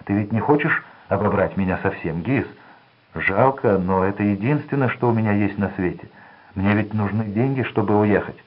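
A man voicing a desperate, terrified male crook who pleads and shouts in a trembling voice. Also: lowish voice, normal speed, muffled recording, slight background noise, voice pushed up, close to an everyday voice. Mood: desperate begging.

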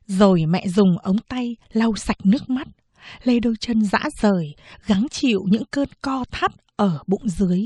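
A woman reading a novel aloud in slow, measured audiobook narration. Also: medium pitch, dark tone, breathy edge, no echo.

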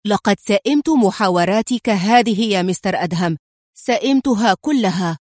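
A woman reading an angry, chain-smoking male police inspector in an audiobook, with a sharp, scolding manner. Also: sits high, brisk, no echo, clean studio sound, lightly acted.

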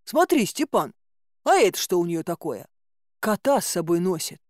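A woman's voice: on the low side, very animated, moderate pace, dry recording, studio quality. A woman voicing a coarse young male palace guard in an audiobook, mocking and blunt.

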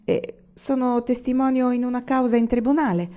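Storybook role: a woman reading a timid shepherd boy, slightly raised pitch, dull recording. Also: level tone, normal speed, mellow, natural voice. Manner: timid, smiling. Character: shy thin young male shepherd.

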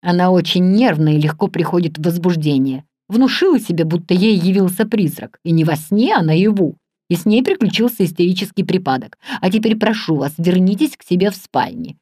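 A commanding gentleman, master of the house, speaking in a firm, steady, soothing tone, as a woman reader puts him on. His voice is dark and mellow, dry and close in a storybook reading. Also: fairly low pitch, fairly quick, few pauses, no room sound.

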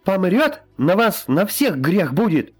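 A man reading an audiobook, voicing a brash young female healer who loudly scolds everyone. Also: high voice, big pitch swings, slow, husky, faint music behind, voice pushed up, exaggerated voice. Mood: scolding shrill.

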